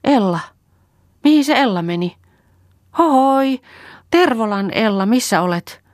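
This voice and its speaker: A woman reading an audiobook, voicing a young woman gone mad in the forest, talking in frantic, excited bursts. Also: mid-range voice, dry recording, clean studio sound, voice pushed up, natural voice.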